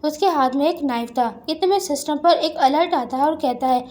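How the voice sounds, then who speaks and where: Woman, story recap narrator, high pitch, mellow tone, steady scripted reading. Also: fairly quick.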